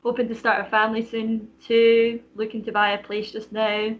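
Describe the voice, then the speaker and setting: A woman's voice: on the high side, completely flat delivery, normal speed. Chatty Canadian woman, lo-fi audio. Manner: chatty, frequent "like" and "you know" fillers. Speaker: podcast guest, personal trainer. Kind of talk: casual interview chat.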